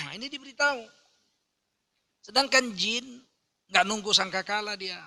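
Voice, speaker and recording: A high-voiced man preaches a sermon at normal speed, animatedly telling stories with humor. He cracks jokes and acts out the voices of the people he quotes.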